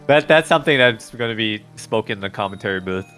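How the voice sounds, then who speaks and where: A man's voice: lowish voice, a bit bright. A man doing casual live game commentary as a hyped gamer bro. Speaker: race commentator.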